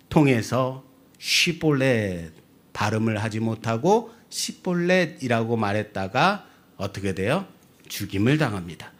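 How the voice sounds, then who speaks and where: A male pastor delivering a sermon in a slow, deliberate pace. His voice sits slightly high and leaps around with animated emphasis, then falls to quiet low lines. He keeps putting questions to his congregation. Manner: sudden swings between loud high emphasis and low quiet drops.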